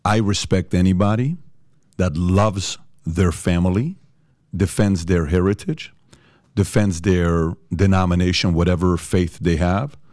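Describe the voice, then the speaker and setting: Emphatic podcast host, a man from Iran with a very deep voice and a dry, close sound. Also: a little mellow, no echo. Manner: emphatic and proud, speeds up when riled. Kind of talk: opinionated podcast talk.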